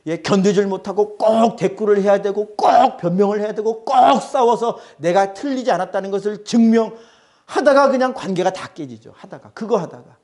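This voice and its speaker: A man's voice: high voice, darkish tone. A male pastor preaching a sermon, emphatic and repeating his phrases.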